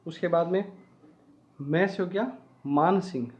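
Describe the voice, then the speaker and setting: High-voiced teacher drilling exam facts. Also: male voice, measured pace, darkish tone, dull audio. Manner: repetitive, drilling key facts, asks and answers his own questions. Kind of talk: online exam-prep lesson.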